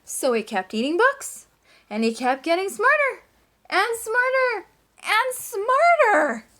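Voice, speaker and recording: Reading a picture book to children, a woman teacher uses a very high-pitched voice, stressing words expressively, stretching them out, and adding hushed asides.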